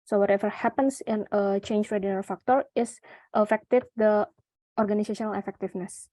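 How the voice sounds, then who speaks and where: Indonesian woman presenting research, halting. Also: mid-range voice, fairly even intonation, dark tone, no echo. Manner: halting, with frequent fillers and restarts. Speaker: conference presenter.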